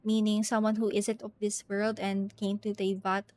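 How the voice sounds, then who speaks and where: A game streamer with a medium-pitched, slightly mellow voice talks at a moderate pace in a monotone. She chats casually during play, hesitating and giggling as she thinks aloud, with game music in the background.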